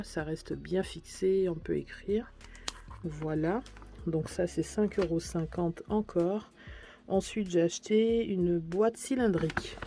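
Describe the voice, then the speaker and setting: Chatty woman vlogger, mellow voice. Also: lowish voice, creaky. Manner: chatty and gushing about purchases. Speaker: beauty and lifestyle vlogger. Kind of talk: casual shopping haul vlog.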